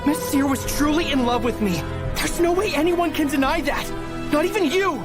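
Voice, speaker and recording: Woman voicing a high, defiant, scornful youngster. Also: moderate pace, natural voice. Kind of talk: English anime dub acting. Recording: loud music under the voice.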